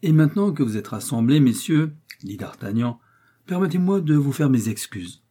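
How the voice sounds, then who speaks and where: A man's voice: a little high, expressive, normal speed, dark tone. A man reading the lines of a young, polite and brave Gascon swordsman, earnest and courteous.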